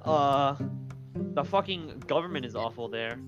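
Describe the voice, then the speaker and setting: A man's voice: medium pitch, animated, a little slow, lo-fi sound. Young man, blunt and swearing, guitar behind. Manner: blunt, swears, trailing fillers. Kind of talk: casual chat.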